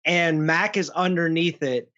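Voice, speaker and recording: A man's voice: fairly high pitch, unhurried, sharp tone, lo-fi sound. A man co-hosting a gaming podcast, telling a story in casual chat and acting out the quoted lines, with a lot of laughing. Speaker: podcast co-host.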